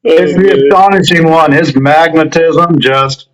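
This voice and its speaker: A man hosting a wrestling podcast, asking questions in a brisk, joking way over a webcam video call. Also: a little high, poor audio. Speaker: podcast host. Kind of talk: interview questions.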